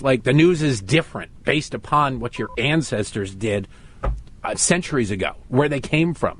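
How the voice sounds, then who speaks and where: A man's voice: mid-range voice, slight background noise. A middle-aged American man filling in as a talk radio host, delivering an opinionated monologue with sarcastic, mocking asides.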